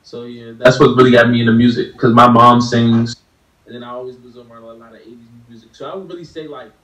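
A man's voice: mid-range voice, fairly even intonation, quick pace, pushed and bright. A young man, a musician guest, answering interview questions in a laid-back, rambling way full of fillers. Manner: laid-back, rambling, lots of "like" and "you know". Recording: roomy, distant mic.

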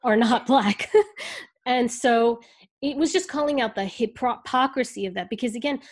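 A woman speaking as an interview guest, earnest and reflective, talking in halting bursts as she thinks things through. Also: fairly high pitch. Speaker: guest speaking about the ad industry. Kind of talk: candid interview conversation.

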